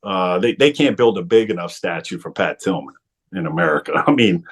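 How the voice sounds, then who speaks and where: A man in his forties, a former football player, telling his story as a podcast guest, animated, laughing often and restarting his sentences. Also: deep voice, a little fast, slightly rough. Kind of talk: storytelling interview talk.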